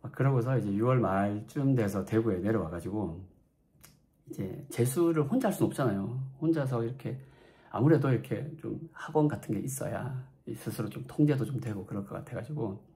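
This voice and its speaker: 경상도 억양의 부드럽고 어두운 남자 목소리. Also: male voice, lowish voice, lively intonation, a little fast, dark tone. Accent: Gyeongsang. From Daegu, South Korea. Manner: chatty, self-mocking, acts out quoted lines. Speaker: dentist, channel host. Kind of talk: storytelling vlog.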